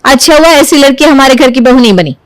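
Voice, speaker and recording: A woman's voice: high-pitched, lively intonation, fast talker, no echo. A woman voicing a sensible young sister-in-law in a cartoon who tries to talk sense into him. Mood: persuasive. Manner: persuasive, chatty.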